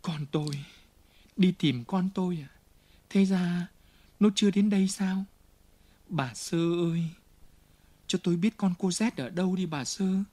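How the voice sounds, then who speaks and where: A man's voice: a little slow, pauses often, a little mellow, dry recording. A man doing a frantic, pleading sick mother. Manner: pleading, trembling, high-pitched.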